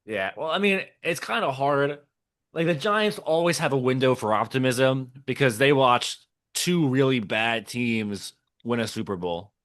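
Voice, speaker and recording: A man's voice: mid-range voice, expressive, a little slow, fairly bright tone, dry recording, studio quality. A man co-hosting a casual podcast, reacting live to a sports draft from a hotel room and thinking aloud. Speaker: podcast co-host.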